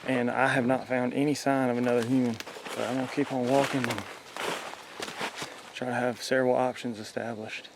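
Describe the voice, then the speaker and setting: A man giving casual, low-key murmured commentary as he scouts the woods as a hunting vlogger. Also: flat delivery, brisk. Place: outdoors in woods on ridges. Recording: noisy outdoor field audio.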